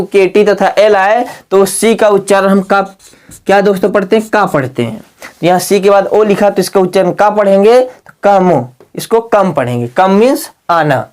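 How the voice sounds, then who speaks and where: A man teaching English reading rules in a lesson video. He asks his students rhetorical questions and spells words out slowly, letter by letter. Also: high voice, darkish tone, clear, resonant tone. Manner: keeps asking the class rhetorical questions.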